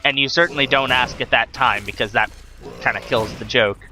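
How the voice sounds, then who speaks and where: A man's voice: medium pitch, fairly quick, over music. A young man hosting a let's play, giving wry, chatty commentary on his gameplay. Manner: wry, chatty, scolding the enemies on screen.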